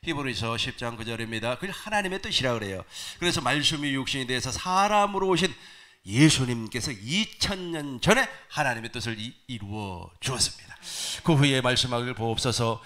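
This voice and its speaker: A male pastor preaching a sermon to his congregation, animated, asking them questions. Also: medium pitch, normal speed. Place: church sanctuary.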